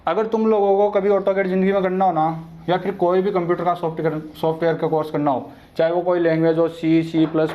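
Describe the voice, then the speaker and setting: A young man teaching an online exam-prep lesson in a casual, chatty way, talking straight to his viewers. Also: a little high. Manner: chatty, addresses viewers directly and familiarly. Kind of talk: casual informal lecture. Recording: dull lo-fi sound.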